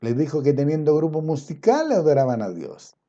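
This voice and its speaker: A man preaching a sermon, swinging between loud emphatic passages and low quiet asides, and drawing out scripture quotes slowly. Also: very animated, lo-fi sound. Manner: quotes scripture in a slow, drawn-out cadence.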